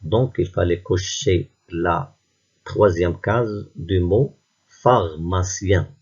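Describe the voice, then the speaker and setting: A man teaching a reading lesson to young pupils, patient and pronouncing each word slowly one by one. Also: low voice, darkish tone, slightly rough, dull audio. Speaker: primary school teacher.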